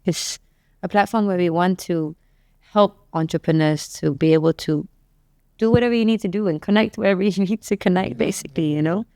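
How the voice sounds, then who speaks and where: Chatty woman with a smooth, clear voice. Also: fairly low pitch, brisk, no room sound, clean studio sound. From Malaysia. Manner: chatty, animated storyteller, acts out quoted exchanges. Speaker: guest, youth entrepreneurship advocate. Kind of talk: casual panel chat.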